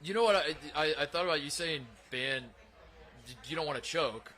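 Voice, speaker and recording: A man's voice: on the high side, normal speed, pushed and bright. A young adult man co-hosting a casual chat, bantering in a joking, easygoing way. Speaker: co-host.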